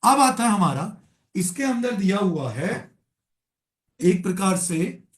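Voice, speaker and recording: A man's voice: high-pitched, very animated, takes it slowly, reverberant. A man teaching a live online Excel class, often calling his students "beta" and checking that they follow.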